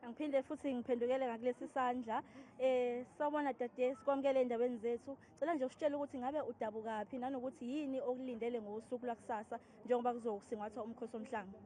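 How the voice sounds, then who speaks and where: A woman with a Zulu accent reporting live and interviewing as a field news reporter, often pausing on fillers. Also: on the high side, fairly even intonation, mellow, slight background noise.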